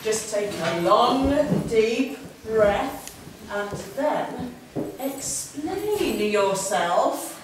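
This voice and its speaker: A woman's voice: a little high, animated, very slow. A woman playing a doting, exasperated mother in an amateur pantomime, declaiming theatrically in rhyme. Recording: echoey hall from far off, noisy.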